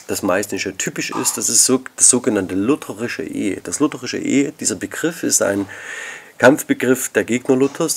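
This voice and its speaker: A man giving a recorded university lecture, explaining slides in a measured, formal academic manner and addressing his students politely. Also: medium pitch, vocal fry, slightly rough.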